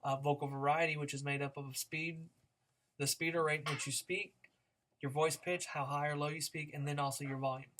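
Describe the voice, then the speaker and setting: A male speech instructor giving a recorded lecture, conversational and demonstrative, with frequent fillers and restarts as he varies his speed, pitch and loudness to show his points. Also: steady tone, fairly quick.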